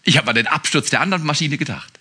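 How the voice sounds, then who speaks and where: A male pastor preaching a sermon in a conversational way, asking his listeners direct questions and swinging between emphatic outbursts and quiet asides. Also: fairly high pitch, lively intonation, rapid-fire, slightly rough.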